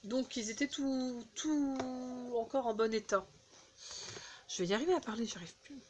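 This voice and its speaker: A woman casually chatting through a beauty haul, halting with fillers and restarts, recorded on a phone indoors. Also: fairly high pitch, a little hiss or hum. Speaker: beauty vlogger.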